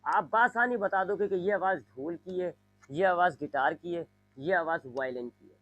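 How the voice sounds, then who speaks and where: A man teaching a physics lesson, explaining slowly and repeating his points, now and then imitating sounds. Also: sits high, fairly bright tone, lo-fi sound. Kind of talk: classroom lecture.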